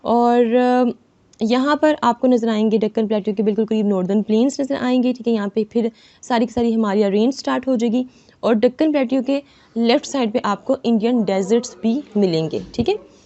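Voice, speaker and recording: Higher-pitched woman teacher, dull lo-fi audio. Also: warm tone. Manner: reads English lines slowly then explains in Urdu, repeats "theek hai" constantly. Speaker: exam prep teacher. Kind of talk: screen-share lesson. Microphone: voice-over on screen recording. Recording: dull lo-fi voice-over.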